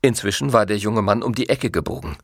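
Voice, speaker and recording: Narrating a novel for an audiobook, a man reads scripted text with expressive storytelling. His voice is fairly low and a little fast, recorded with clean studio sound and no room echo.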